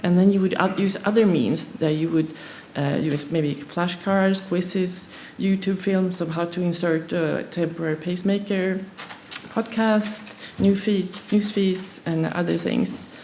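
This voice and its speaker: This Swedish woman, not a native English speaker, delivers a conference talk in English with frequent fillers, hesitations and restarts. Her pitch is fairly low, her tone dark, and her intonation fairly even. A faint hiss or hum runs underneath.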